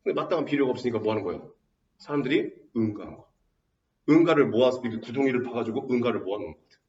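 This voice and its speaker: A man teaching a high school Korean class, telling a story in an animated way and quizzing students with questions. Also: racing. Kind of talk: classroom lecture. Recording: roomy, distant, dull classroom recording.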